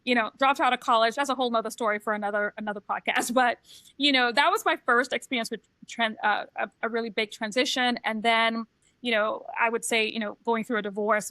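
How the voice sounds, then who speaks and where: A woman's voice: a little high, fairly even intonation, fast talker, pushed and bright, dry recording. A middle-aged woman from Trinidad and Tobago, co-hosting a podcast and telling her own story in a candid, reflective way. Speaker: podcast co-host, transition coach. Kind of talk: casual podcast chat.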